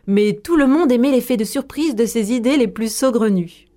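A woman storyteller narrating a tale in a measured, expressive way. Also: fairly high pitch.

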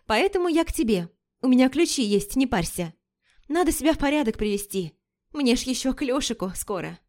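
A woman's voice: high voice, very animated, a little mellow, pitched above the performer's own voice. Woman doing a brash, flighty young woman. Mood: chatty, cheeky. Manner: chatty and slangy, quick to take offense.

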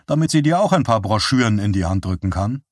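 A man's voice: on the low side, quick pace, no room sound. A cheeky young guy spinning tall tales with a straight face, read by a man, dry close sound. he teases with playful mock seriousness and lifts his voice a little above plain talk. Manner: teasing, deadpan mock-serious.

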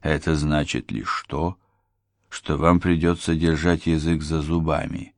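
A man reading an audiobook voices a composed lawyer who speaks calmly, politely and firmly. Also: rumbling low, no echo, studio quality. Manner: calm, measured and firm. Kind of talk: audiobook character voice.

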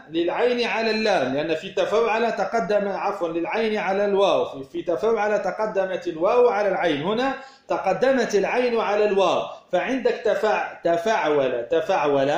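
In an echoey room, a high-voiced man works through a verse text line by line to teach Arabic word patterns. He repeats key words and asks questions only to answer them himself.

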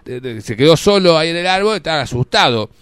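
A man with an Argentine accent hosting a radio show, telling comic made-up stories of the day's anniversaries and slipping into quick voices for the people in them. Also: fairly high pitch, expressive, a bit bright, smooth, dry recording. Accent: Argentine Spanish. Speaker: radio host.

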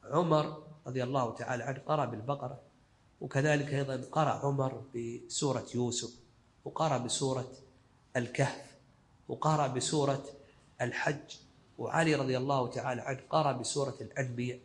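A male sheikh delivers a scholarly commentary on a classical text. He talks at a brisk, rapid clip and explains in short phrases that he often repeats. His pitch sits in an ordinary middle range. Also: steady tone. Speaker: sheikh teaching a fiqh text.

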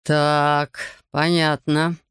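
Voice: mid-range voice, steady tone, no echo, studio quality, natural voice. A reader doing a bitter, controlling husband. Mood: curt, urgent. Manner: hurried, cold, then shouting.

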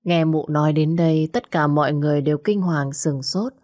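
A woman narrating a scripted audio story in a steady, dramatic storytelling manner. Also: low voice, fairly quick. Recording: faint background music.

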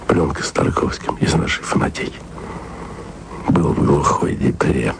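Heard on a noisy tape recording, this radio drama features an actor as a wry, lovesick male radio journalist taping messages to a colleague. He speaks in a low gravelly murmur that often drops close to a whisper, his manner intimate, confiding and self-ironic.

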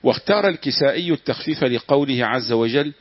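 A man's voice: mid-range voice, fast talker, no room sound. Man reading a classical text aloud. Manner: steady reading, small slips he corrects. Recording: dull, dry lo-fi room recording.

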